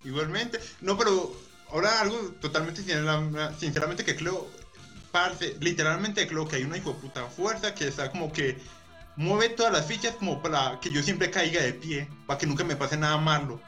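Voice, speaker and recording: A man's voice: a little high, normal speed, pushed and bright, faint music behind. A Colombian man chatting casually as a guest, rambling with many fillers. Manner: rambling, filler-heavy, earnest. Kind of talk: casual chat.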